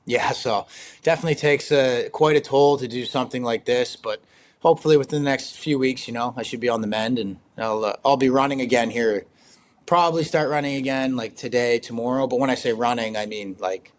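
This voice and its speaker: Speaking a little fast at a medium pitch, the young ultrarunner guest has a slightly raspy voice. His interview answers are relaxed and meandering, packed with fillers and frequent laughter.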